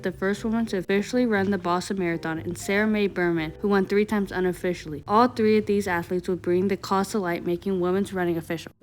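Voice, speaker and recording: Woman narrator, mid-pitched, measured scripted read, faint music underneath. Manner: clear, measured read-aloud delivery.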